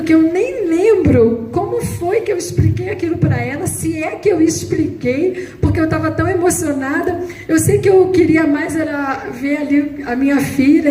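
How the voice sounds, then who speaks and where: High-voiced woman preaching in an echoey church. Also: mellow. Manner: emotional, dramatic retelling, voice rising high at climaxes. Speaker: missionary preacher. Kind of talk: sermon with personal testimony. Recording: echoey room, faint noise.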